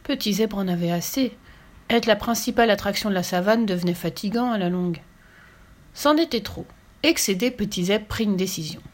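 A woman reading a children's picture book aloud as storyteller, clear and gently expressive. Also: medium pitch, fairly quick.

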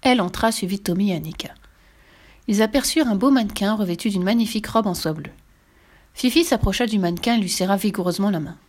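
A woman narrating a children's storybook in an expressive, lively reading. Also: mid-range voice, fast. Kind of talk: storybook read-aloud.

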